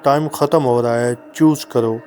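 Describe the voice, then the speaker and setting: Man reading creepy old receptionist, dry and unhurried, storybook horror. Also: mid-range voice, steady tone, mellow, soft background music, close to an everyday voice. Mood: menacing. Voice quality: dry, slow voice. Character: creepy old male hotel receptionist, sinister.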